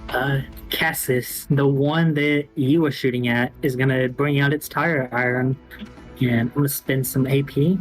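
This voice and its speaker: A man narrating a tabletop role-playing game as game master, in a casual, halting way. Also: medium pitch, steady tone, poor audio. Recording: faint music behind the voice. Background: music.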